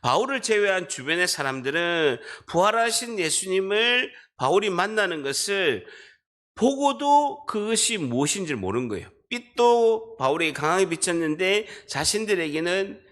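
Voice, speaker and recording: Busan-accent guy preaching, bright forceful voice, swings up and down a lot, tells folks to underline stuff. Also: high voice, very animated, normal speed. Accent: Busan dialect. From Busan, South Korea. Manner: emphatic preaching, directing the congregation to read and underline. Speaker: pastor. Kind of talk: sermon. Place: church sanctuary.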